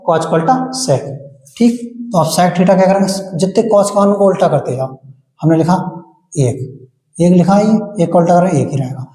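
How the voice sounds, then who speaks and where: A man's voice: high voice, warm tone, echoey room. A man teaching a maths lesson step by step, often asking a question and then answering it himself. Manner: explains step by step, asks and answers his own questions.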